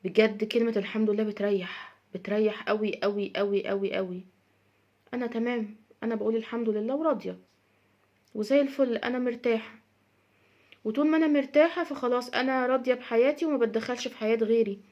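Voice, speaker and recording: Young adult Egyptian woman, quick, somewhat high voice, emphatic and repetitive in a casual advice monologue. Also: dull audio. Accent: Egyptian Arabic. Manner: emphatic, repeats her points. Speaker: social media advice speaker.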